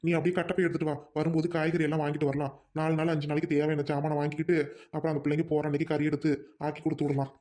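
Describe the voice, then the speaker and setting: A woman's voice: sits low, level tone, very fast, dark tone, lightly acted. A woman playing a poor, kind-hearted village older brother, talking in an earnest, pleading way. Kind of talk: family drama skit.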